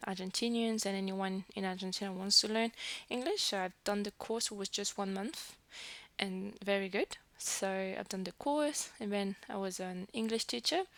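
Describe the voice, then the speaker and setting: A French-speaking woman in her 20s from New Caledonia introduces herself to the camera in a chatty, rambling vlog, full of fillers and restarts, with French, her first language, colouring her speech. Her mid-range voice is a bit bright with a gravelly edge, captured close on a headset mic in a dry, dead room with no echo.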